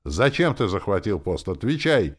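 A man's voice: a bass voice, sing-song, moderate pace, gravelly, darkish tone, husky, exaggerated voice. A man voicing a stubborn, pushy old soldier captain in an audiobook, insistent and repeating his demands. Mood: heated. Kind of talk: audiobook character voice.

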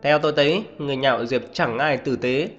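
A man voicing a sharp-tongued, hostile middle-aged mother who scolds harshly. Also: brisk, close to an everyday voice. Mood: scolding. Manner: shrill, scolding. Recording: muffled reverberant audio, faint music.

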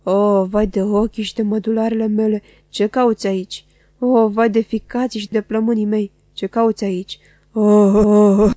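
A woman's voice: mid-range voice, little pitch movement, warm tone, no room sound, natural voice. A woman voicing a ragged old male junk dealer who groans and wails in a rising and falling singsong. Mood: wailing.

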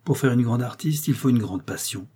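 A man's voice: medium pitch, animated, brisk, dark tone, husky. A man reading the part of a proud aristocratic woman who calls herself a revolutionary, speaking in an emphatic, declamatory manner. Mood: dismissive.

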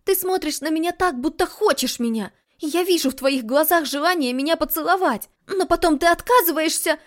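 Blunt passionate young heroine as a woman reads her, emphatic, high bright pitch, audiobook. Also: lively intonation, slow pace. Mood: indignant. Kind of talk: audiobook dialogue reading.

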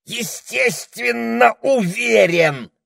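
A man's voice: fairly low pitch, very animated, a little slow, sharp tone, no room sound, studio quality, voice pushed up, heavily acted. A man voicing a bossy, snappy male parrot in an audiobook. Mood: irritated. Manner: snappy, chatty, impatient. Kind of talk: audiobook character voice.

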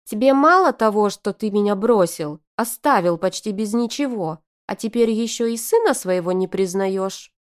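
A woman voicing a shrill, scheming young woman who shrieks indignantly at her ex. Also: animated, normal speed, few pauses, lightly acted.

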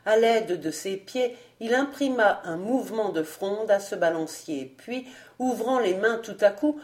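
Slow, measured woman narrator. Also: mid-range voice, darkish tone. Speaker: audiobook narrator. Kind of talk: scripted narration of a classic novel.

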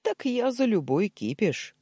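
Reader doing a hotheaded young guy, pushy, voice jumps around, husky and low-toned. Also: very animated, a little slow, mellow, no echo, clean studio sound, heavily acted. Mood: mocking. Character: hot-tempered young man, loud and pushy.

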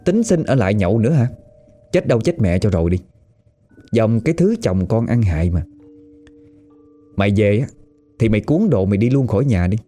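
A man's voice: fairly low pitch, very animated, brisk, pauses often, mellow. A man voicing a fierce wife who curses her husband on the phone. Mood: furious. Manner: cursing, abusive. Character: shrill-tempered scolding wife, woman.

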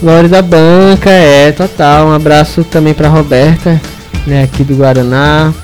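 A laid-back man co-hosting a community radio show, chatting casually and sending shout-outs to listeners. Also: fairly high pitch, steady tone, measured pace, soft background music, poor audio.

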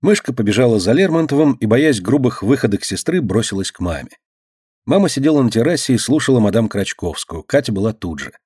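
A man's voice: mid-range voice, big pitch swings, brisk, darkish tone, slightly rough, no room sound, clean studio sound. A man narrating a children's story expressively as an audiobook reader. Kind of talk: scripted narration.

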